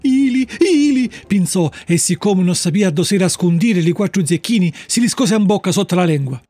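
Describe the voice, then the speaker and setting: A man telling a storybook tale in lively narration. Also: sits high, a little fast, no echo.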